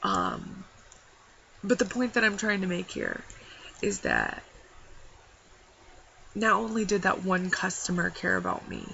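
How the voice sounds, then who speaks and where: Young woman, vlog confession, rambling, gravelly fry, muffled lo-fi sound. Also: fairly low pitch, sing-song, unhurried, long pauses, sharp tone, a little hiss or hum. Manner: rambling, heartfelt, many fillers. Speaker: vlogger. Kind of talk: personal talk to camera.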